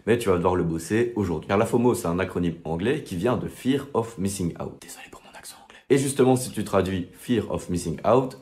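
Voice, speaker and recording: A man's voice: lowish voice, darkish tone. A young man, presenting a casual explainer for students and talking straight to the viewer with chatty fillers. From Belgium.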